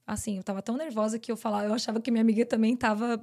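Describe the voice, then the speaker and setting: Fast-talking Brazilian woman telling her story. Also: on the high side, little pitch movement, warm tone. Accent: Brazilian Portuguese. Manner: earnest, tells events in long rapid runs. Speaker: guest. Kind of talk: personal storytelling in a podcast interview.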